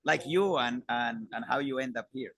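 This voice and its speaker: A man from Colombia co-hosting a live conference interview, chatty and quick with lots of tag questions. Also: medium pitch, a bit bright, breathy edge, no room sound. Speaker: co-host.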